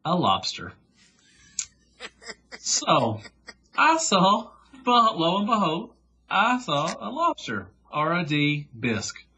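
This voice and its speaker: A man's voice: sits high, huge pitch swings, slow, pauses often, bright, forceful tone, slight background noise. A man co-hosting a casual podcast chat who gushes with enthusiasm and repeats himself. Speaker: podcast co-host.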